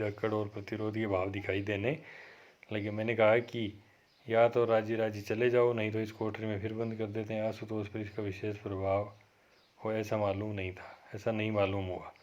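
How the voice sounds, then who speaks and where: A man, a college lecturer, reading a story aloud to his class and explaining it, in a steady read-aloud manner with occasional self-corrections. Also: fairly low pitch, normal speed, muffled recording.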